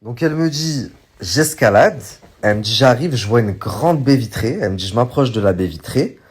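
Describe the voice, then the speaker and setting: A man casually retelling a story to his viewers, rambling with many fillers and animated bursts when he quotes others. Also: medium pitch, moderate pace, husky. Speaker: online commentator recounting a story.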